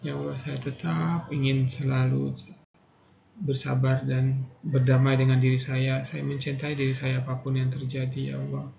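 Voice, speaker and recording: A man leads a tapping session in a steady, flat voice with a gravelly edge, repeating calm prayer affirmations. The recording sounds dull and lo-fi, with room echo and steady noise behind him. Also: medium pitch, normal speed. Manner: calm, repetitive guiding voice, says prayer affirmations. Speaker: EFT practitioner guiding a session. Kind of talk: guided tapping practice with spoken prayers.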